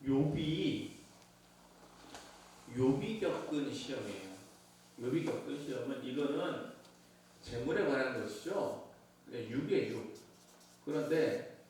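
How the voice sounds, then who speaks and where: A man's voice: fairly high pitch, slight background noise. A male pastor giving a conversational sermon to his congregation, often asking them questions. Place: church sanctuary. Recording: echoey church from far off.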